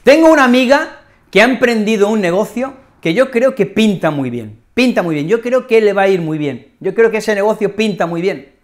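A woman with an accent from Spain teaching a language lesson, expressive and repeating key phrases as she acts out examples. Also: medium pitch, moderate pace. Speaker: Spanish teacher.

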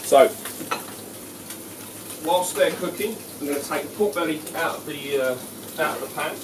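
Chef explaining a dish in a noisy kitchen. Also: male voice, a little high, a little slow. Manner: relaxed, explanatory, frequent "um" and "okay". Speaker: head chef. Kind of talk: cooking demonstration. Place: large restaurant kitchen. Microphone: camera mic from a few feet away. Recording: echoey kitchen, distant mic, loud kitchen noise. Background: sizzling pans and kitchen clatter.

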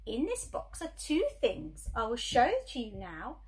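A woman voicing a playful, carefree male cat in a storybook, with a showy, coaxing, drawn-out delivery. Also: fairly high pitch, big pitch swings, a little hiss or hum.

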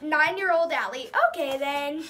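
A woman's voice: sits high, unhurried, sharp tone. A ten-year-old girl talking casually to the camera and reading aloud, with a dramatic, self-mocking manner. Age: child, ten years old. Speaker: young vlogger. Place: small room at home, indoors.

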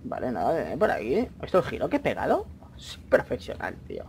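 A young man commentating his own gameplay, chatty, with excited outbursts and muttered asides. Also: mid-range voice, fast talker. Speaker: gaming YouTuber. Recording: faint noise, mouse and keyboard clicks.

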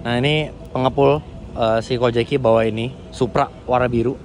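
Speaking at a medium pitch with fairly even intonation and a moderate pace, this Indonesian car vlogger from Jakarta enthuses casually at an outdoor car meetup, sprinkling slang with English car terms. The outdoor vlog audio carries loud music and slight background noise.

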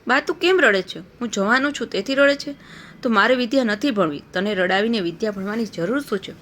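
A woman's voice: a little high, a little fast, a bit bright, a little hiss or hum, close to an everyday voice. A woman voicing a young boy, a loving son who pleads earnestly with his mother in a storybook tale. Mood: pleading.

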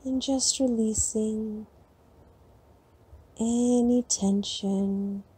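Sleep meditation guide: woman, very slow and breathy, soft and soothing. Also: fairly high pitch, steady tone.

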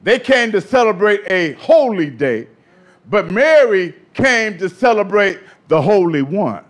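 Male preacher, unusually high voice, call-and-response sermon delivery with shouted peaks. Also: big pitch swings, unhurried.

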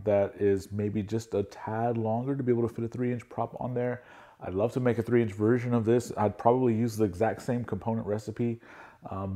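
A man's voice: on the low side, mellow. A man in his thirties in a product review vlog, talking eagerly in a casual hobbyist way with many fillers. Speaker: drone reviewer. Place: indoor studio against a plain backdrop.

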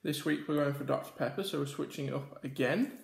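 A man's voice: mid-range voice, brisk, creaky. Chatty man in an echoey room. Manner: chatty, rambling with many ums while eating. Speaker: YouTube host. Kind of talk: casual mukbang vlog. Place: indoor room at a table. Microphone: camera mic with face cam and top camera.

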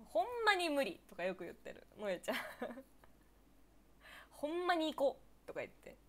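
Giggly young woman from niigata chatting on her stream, high voice bouncing all over. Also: sing-song, slight background noise. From Niigata, Japan. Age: 20s. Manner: giggly, laughs often between phrases; chatty and playful, quick reactions. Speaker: former idol hosting her own live stream. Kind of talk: casual live-stream chat answering viewer comments.

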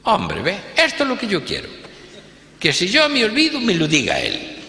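A wealthy Spanish businessman, middle-aged and irritable, voiced by a man telling a story on stage. He exclaims indignantly with a raised, bright, sharp tone. The sound carries the long echo of a big hall. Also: high voice, huge pitch swings, normal speed, pitched above the performer's own voice, exaggerated voice.

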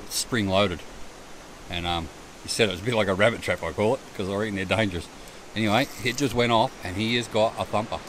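Middle-aged Australian man, camp vlogger, relaxed and chatty, lower voice, caught from a distance on a noisy camera mic outdoors. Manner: laid-back, chatty, self-amused. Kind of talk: casual camp narration. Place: riverbank campsite at night, outdoors.

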